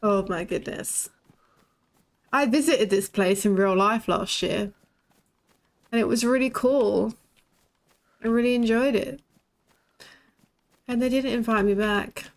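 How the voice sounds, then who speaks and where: Speaking slowly with long pauses, a young woman with a slightly high voice and a lisp chats casually while streaming a shooter game. She's blunt, swears freely and laughs a lot.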